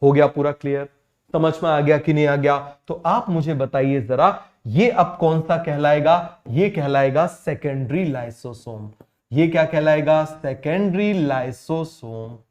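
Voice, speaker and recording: A man teaching biology in a quick call-and-response lecture, firing questions at students and repeating each answer himself. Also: a little high, darkish tone, muffled recording.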